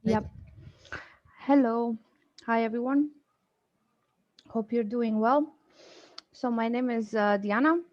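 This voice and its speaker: A woman in her thirties from Romania talks through a casual presentation over a video call. Her delivery is chatty and loose, full of fillers and quick laughs. The audio is dull and dry, with no room sound. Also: fairly high pitch, dry recording. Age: 30s. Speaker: guest speaker.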